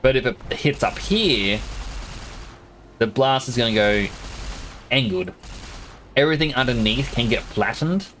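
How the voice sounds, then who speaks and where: Speaking in an Australian accent with some American mixed in, a man offers relaxed live-stream commentary on a game, explaining things in detail. His mid-range voice is animated and fairly bright, unhurried and often pausing, with a bit of background noise.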